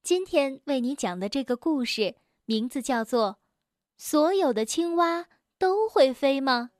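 A woman telling a children's bedtime story in a gentle, coaxing way, close to the mic. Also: high voice, lively intonation, measured pace, no room sound.

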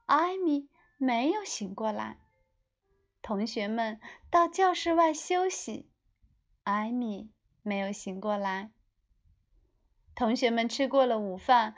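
A woman narrating a children's story as a scripted, expressive reading. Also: on the high side.

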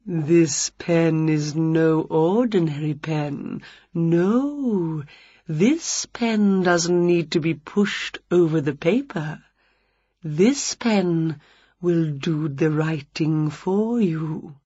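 A woman voicing a smarmy male vampire presenter, speaking slow, low and coaxing. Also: warm tone, husky, dry recording, dull audio, exaggerated voice.

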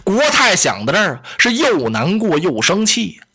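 Animated male storyteller. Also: high-pitched, normal speed, husky. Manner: vivid, animated, rhythmic delivery. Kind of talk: traditional storytelling narration.

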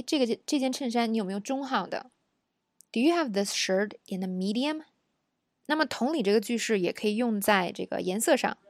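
A woman's voice: medium pitch, darkish tone, no room sound. Chatty woman teacher going over phrases, lots of little fillers, dry close mic. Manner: patient, conversational, with many fillers and tag questions. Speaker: English teacher. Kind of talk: explaining English phrases for shopping.

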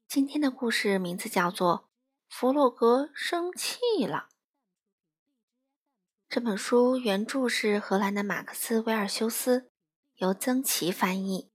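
A woman's voice: a little high, husky. A mother reading a children's picture book aloud to young listeners, telling it expressively. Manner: warm, expressive storytelling to children. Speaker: storyteller mother.

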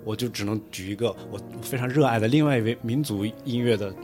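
A man's voice: mid-range voice, fast, a little mellow, faint music behind. A man from Lanzhou, a guest pronunciation coach, explaining things in a casual podcast chat with a patient, teacherly manner. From Lanzhou, China.

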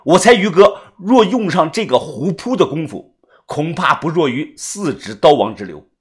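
A man narrating a web-novel audiobook with lively, theatrical storytelling. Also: fairly high pitch, normal speed.

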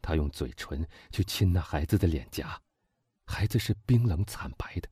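Male narrator, low dark husky voice, dramatic storytelling, close dry mic. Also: expressive, normal speed, no room sound. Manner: dramatic, swelling and dropping to a hush. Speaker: audiobook narrator. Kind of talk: scripted narration.

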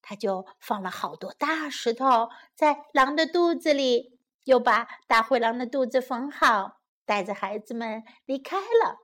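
Woman, children's story narrator, high lively voice, slow expressive pacing.

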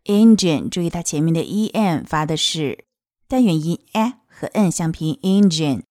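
A woman teaching English pronunciation of a children's song, modeling each sound slowly and clearly. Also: low-pitched, animated, dark tone, no echo, clean studio sound. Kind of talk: explaining song lyrics and pronunciation.

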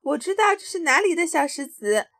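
This is a wise old striped fish from a children's storybook, speaking slowly and carefully. The voice sits high and close, with a dry sound and no room around it, as a woman puts him on while reading. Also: sing-song, a bit bright, dry recording, exaggerated voice. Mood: knowing. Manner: slow, deliberate.

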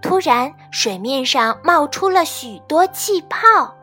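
Expressive woman reading a kids' story. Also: high voice, takes it slowly. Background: faint children's music.

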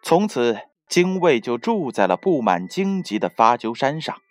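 A woman narrating a myth in scripted storybook style, expressive and swooping in her delivery. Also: very deep voice, normal speed. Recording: dry close studio voice with soft music.

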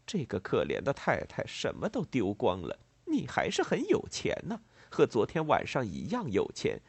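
A man's voice: mid-range voice, wildly swooping pitch, moderate pace, breathy edge, no echo, heavily acted. A man voicing a naive, blunt country woman who speaks earnestly.

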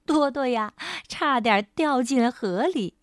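A woman reading a children's story aloud in a gentle, sing-song way, speaking to a child. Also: sits high, expressive, unhurried, no echo, clean studio sound.

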